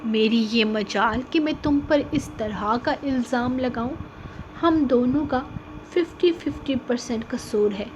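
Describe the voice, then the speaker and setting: A woman voicing an affectionate, patient young husband in an audiobook novel reading, speaking softly and gently coaxing. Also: fairly high pitch, muffled recording, slight background noise, lightly acted. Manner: gently coaxing, soft-spoken.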